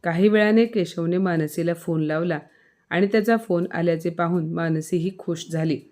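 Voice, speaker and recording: A woman narrating a scripted moral story in a steady, measured way. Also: fairly low pitch.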